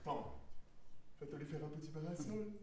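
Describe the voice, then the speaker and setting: A man's voice: a little high, expressive, normal speed, a bit bright. A man acting a proud, witty, mocking swordsman poet on stage, declaiming verse in a hammy theatrical manner. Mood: playful, mocking. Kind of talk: verse stage play performance. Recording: echoey hall from far off, noisy.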